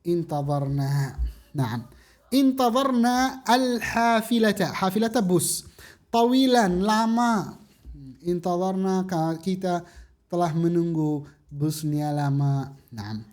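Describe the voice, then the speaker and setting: Brief: female language teacher, unhurried delivery, patient drilling, repeats forms aloud. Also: lowish voice, expressive, darkish tone. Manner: patient, repeats words for students to echo. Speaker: Arabic teacher. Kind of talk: slow classroom drilling of verb forms.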